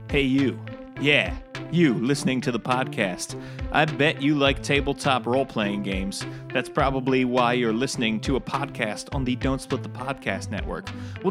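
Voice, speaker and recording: A man with a slightly high voice gives a casual, direct podcast promo. Guitar music plays clearly behind him. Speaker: podcast host promoting his show.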